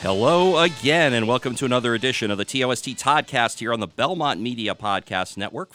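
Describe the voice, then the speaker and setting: Bright, smooth-voiced chatty male host. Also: lowish voice, no echo, clean studio sound. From New England. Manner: chatty, hesitant with many fillers. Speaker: sports talk podcast host. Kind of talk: casual sports chat.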